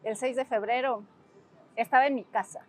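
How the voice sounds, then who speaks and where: A woman's voice: on the high side, steady tone, moderate pace, a little hiss or hum. A woman in her forties with a Mexican accent, recalling past events in a documentary interview, reflective and emotional, often ending phrases with tag questions. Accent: Mexican Spanish. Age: 40s. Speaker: interviewee, former student activist.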